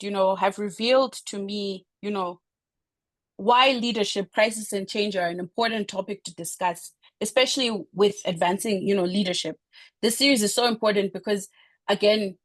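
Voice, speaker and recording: A woman's voice: medium pitch, dry recording. A woman in her thirties from Zimbabwe, giving a talk in a conversational way with many fillers and restarts. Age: 30s. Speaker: speaker. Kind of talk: informal presentation talk.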